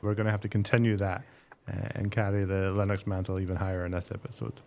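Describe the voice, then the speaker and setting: A man's voice: low voice, little pitch movement, fast talker, creaky, a little mellow. A man co-hosting a tech podcast. He moves from a scripted intro with sarcastic jokes into casual interview questions. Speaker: podcast co-host.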